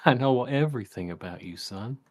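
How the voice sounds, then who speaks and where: Man playing a folksy, gentle farm-raised father spirit. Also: mid-range voice, lively intonation, moderate pace, close to an everyday voice. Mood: fond, knowing. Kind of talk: improvised tabletop role-play.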